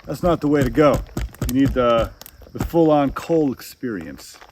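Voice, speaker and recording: A man's voice: medium pitch, animated, moderate pace. A man hosting a camping vlog outdoors, talking casually to camera in a playful, rambling way and often repeating his phrases. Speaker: outdoor camping vlogger and host. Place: outdoors at a forest campsite. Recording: clear outdoor background noise.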